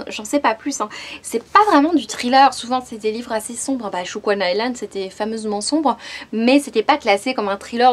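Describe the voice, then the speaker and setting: A woman chats about her latest book purchases in a relaxed vlog. Her voice sits a little high, and she hesitates often, scattering fillers through each sentence. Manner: chatty and hesitant, with frequent fillers. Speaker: book vlogger. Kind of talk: casual book haul chat.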